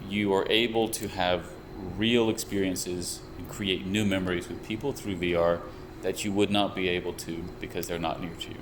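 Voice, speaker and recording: In interview-style explanation, a young American man who researches and develops VR lays out his views thoughtfully and measuredly, restarting often. He has a deep voice, and an air conditioner hums steadily in the background.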